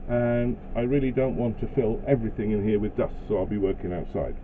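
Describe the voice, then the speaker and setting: A man's voice: fairly low pitch, a little fast. A middle-aged man hosting a woodworking channel, talking casually through his plans in a small home workshop, with plenty of ums and uhs. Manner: chatty, hesitant with fillers. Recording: tinny phone-like sound with faint noise.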